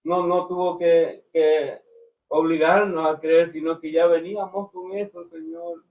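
Man giving slow fervent testimony, kinda flat voice. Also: fairly high pitch, distant mic, phone-quality sound. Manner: fervent, slow, frequent "Señor" interjections. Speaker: church member giving testimony. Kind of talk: devotional testimony.

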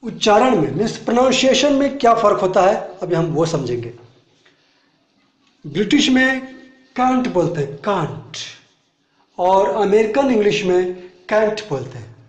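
A man teaching an English lesson in a classroom, explaining words one by one and repeating them slowly. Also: high voice, very animated, reverberant.

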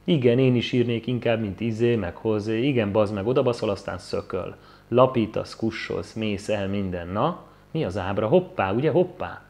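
A man's voice: lowish voice, a little mellow, close to an everyday voice. A man voicing a crude, mocking drunk in a wine bar in an audiobook, taunting and swearing at his companion. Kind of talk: audiobook character voice.

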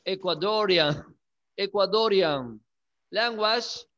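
A male English teacher giving a class, repeating words slowly and checking in with questions. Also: sits high, a bit bright, muffled recording. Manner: coaxing, checks in with frequent questions. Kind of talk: classroom lesson.

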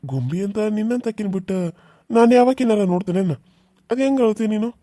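An evasive village husband in a cartoon serial, voiced by a woman. He speaks with a North Karnataka Kannada accent, in a warm, mellow tone and a coaxing, defensive manner. The sound is dry and close. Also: medium pitch, expressive, fast talker, dry recording, natural voice.

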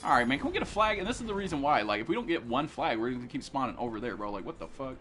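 A young man streaming a shooter game, cursing constantly, yelling and complaining in loose casual commentary. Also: mid-range voice, racing, a little hiss or hum. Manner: excitable, swears constantly, yells and complains.

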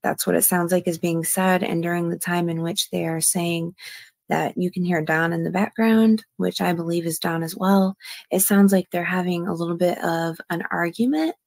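A woman's voice: fairly low pitch, fairly even intonation, normal speed, creaky, a little mellow, no room sound. A woman commenting on a true crime case, reading out a call and hedging her views with "in my opinion.". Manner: hedging, often adds "in my opinion".

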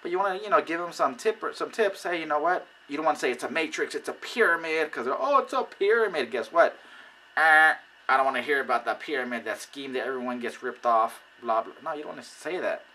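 A man giving casual how-to advice on recruiting people, animated and acting out conversations. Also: a little high, quick pace, poor audio. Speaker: network marketing recruiter. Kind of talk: casual how-to video talk.

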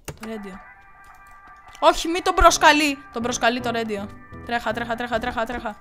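A woman gaming YouTuber doing let's play commentary, with excitable shouted reactions and playful taunts. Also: on the high side, faint music behind.

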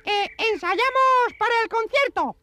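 A woman with a Spain accent voicing an eager, bossy little male monkey puppet with a stammering, excitable manner. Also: extremely high pitch, unhurried, exaggerated voice. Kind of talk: children's puppet show.

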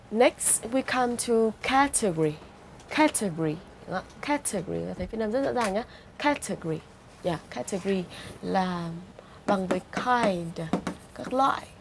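A woman English teacher with a Vietnamese accent, slowly repeating vocabulary words and explaining them in a drawn-out, coaxing classroom way. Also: mid-range voice, gravelly, slight background noise. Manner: frequent "ok" and "à" fillers, coaxing "đúng không ạ?". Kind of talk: vocabulary lesson with pronunciation drills.

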